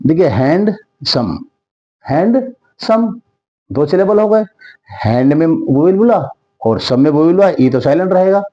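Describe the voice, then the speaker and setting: Man, grammar teacher, fairly high voice, drawn-out repetitive drilling, slightly muffled recording. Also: animated, mellow. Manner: slow, emphatic, repeats words to drill them. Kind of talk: Hindi-language grammar lesson.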